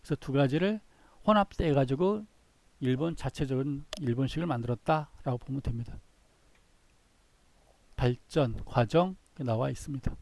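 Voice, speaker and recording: A man's voice: mid-range voice, normal speed, gravelly, pauses often, a little mellow. A man giving a recorded business lecture, reading through slides in short phrases and often repeating himself.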